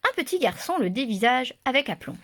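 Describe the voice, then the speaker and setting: A woman reads a children's story aloud in a lively, expressive way. Her voice is high and bright, with a forceful edge. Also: a little fast, slight background noise.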